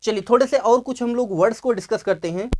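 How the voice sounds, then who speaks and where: A man's voice: very high voice, fast, slight background noise. A man teaching English vocabulary in an exam-prep lecture, asking questions and answering them himself and stretching out key words for emphasis.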